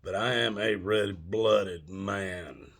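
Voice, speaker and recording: An older man with a gravelly, husky voice delivers an old man's back-in-my-day rant to his viewers, halting, folksy and plain-spoken. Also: sits low, fairly bright tone. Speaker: video channel host. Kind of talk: informal monologue to viewers.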